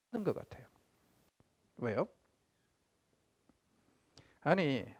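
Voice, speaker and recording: A male professor gives a theology lecture to a classroom. He talks in a conversational, animated way, and his fairly high voice swings widely in pitch. His voice turns gravelly at times, and the recording sounds dry and close. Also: dry recording. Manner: animated, conversational, acts out quotes.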